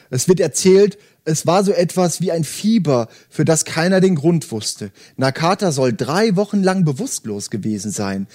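Casting: man voicing earnest, childlike old man in his sixties, lively pitch, for a book reading. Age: 60s. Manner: speaks of himself in the third person, plain and earnest. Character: simple-minded old man, gentle, childlike.

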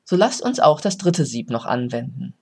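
A coach reading a parable, voicing a calm, wise old male philosopher who speaks slowly and gently instructs. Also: medium pitch, vocal fry, pitched below the performer's own voice. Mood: calm, admonishing. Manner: slow, measured, gently instructive. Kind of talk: storytelling.

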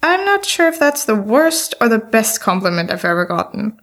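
A woman's voice: a little high, very animated, normal speed, a bit bright. An actress playing an anxious, heartbroken young woman in an audio drama, speaking in a self-deprecating, apologetic way. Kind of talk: scripted audio drama dialogue.

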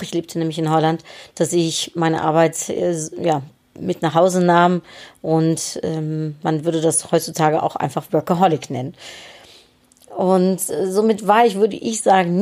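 Female podcast host, slightly low and mellow. Reflective solo talk, halting, thinking as she goes.

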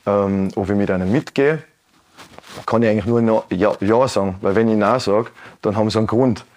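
A man in his late thirties from Tyrol with a Tyrolean Austrian accent, answering earnestly and thoughtfully in an interview, with many pauses and restarts. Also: on the low side, a little mellow. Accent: Tyrolean Austrian German. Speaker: guest, Anne Frank House educator. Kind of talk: broadcast interview.

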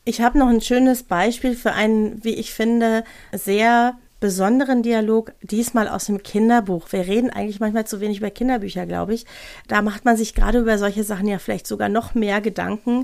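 A woman from North Rhine-Westphalia, a podcast co-host and author, chatting enthusiastically about writing, with quick bursts of speech. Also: medium pitch, fairly even intonation, vocal fry, darkish tone. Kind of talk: casual chat about writing.

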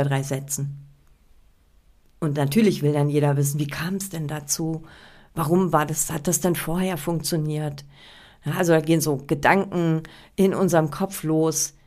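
A woman coaches her listener directly in a relaxed, chatty monologue. Her voice sits on the low side, and she thinks aloud with little fillers and restarts as she gives her tips. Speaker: podcast host giving presentation tips.

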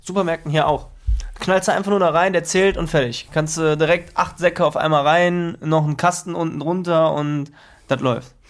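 A man's voice: fairly high pitch, fairly even intonation, moderate pace. A man co-hosting a casual podcast, reacting with laughs and short remarks. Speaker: podcast co-host. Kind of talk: casual chat.

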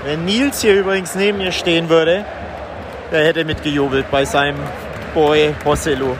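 A man hosting a podcast reports live and casually from a football match, his slightly high voice excited and raised over the stadium at a moderate pace. It's an outdoor field recording from a stand, with a loud cheering crowd behind him.

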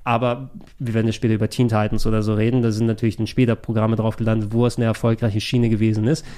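A man's voice: on the low side, level tone, quick pace, warm tone. A man chatting as podcast host, enthusiastic and rambling. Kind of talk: casual chat.

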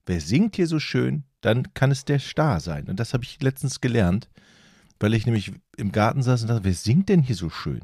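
A man's voice: on the high side, a little mellow, no room sound, clean studio sound. A man co-hosting a casual chat podcast, explaining eagerly and getting worked up easily. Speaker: podcast co-host.

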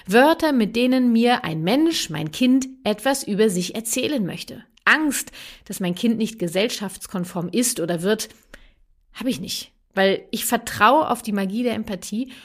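A woman's voice: fairly high pitch, expressive, unhurried. A woman in her thirties hosting a parenting podcast in a casual, chatty monologue, often tagging her sentences with little questions. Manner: chatty, adds tag questions. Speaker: podcast host and parenting coach.

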